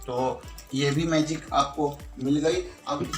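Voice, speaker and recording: A man's voice: fairly high pitch, steady tone, slow, recorded from a distance. An Indian man giving a magic tutorial like a party magician, with showman patter, addressing viewers as friends. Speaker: magician demonstrating and selling magic tricks. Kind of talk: magic tutorial patter with counting and nonsense magic words. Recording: echoey room, off-mic, music behind.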